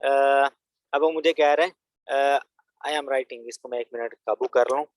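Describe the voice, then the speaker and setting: A young man from Pakistan, an online business course instructor, speaks at medium pitch in a steady, slightly slow manner. His casual, chatty screen-recorded tutorial is peppered with "theek hai" as filler. The recording is dry and rough.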